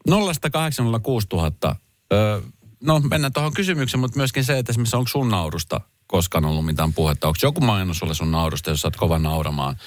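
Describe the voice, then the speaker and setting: A man co-hosting a radio show in casual chat, talking loudly and emphatically. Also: lowish voice, expressive, dry recording. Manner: loud voice, emphatic. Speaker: radio host. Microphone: studio mic.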